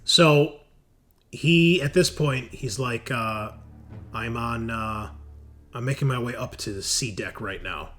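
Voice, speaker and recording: A man with a medium-pitched, bright, forceful voice speaks slowly as game master of a tabletop roleplaying game, with faint music behind him. He talks through rules casually and narrates scenes in an informal, teasing way.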